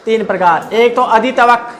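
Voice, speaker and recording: A man's voice: very high voice, moderate pace, poor audio. A man teaching a lecture, repeating key terms and asking his listeners questions as he goes. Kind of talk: classroom lecture. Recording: crowd noise behind.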